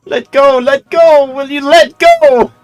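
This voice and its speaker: A man voicing a cowardly, fussy male merchant who pleads in a shrill voice. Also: sing-song, unhurried, fairly bright tone, soft background music, exaggerated voice, low-quality recording. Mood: panicked.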